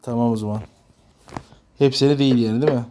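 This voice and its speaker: A man's voice: medium pitch, fairly even intonation, fast, background noise. A man talking casually as a father playing a video game with his child, cooperative and often checking with questions. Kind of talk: casual gameplay chat.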